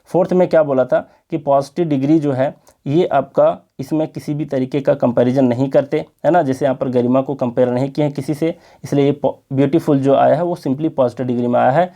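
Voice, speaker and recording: Mellow-voiced male grammar teacher. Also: mid-range voice, steady tone. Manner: explains slowly, repeats words, checks in with "है ना". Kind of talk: exam-prep lesson.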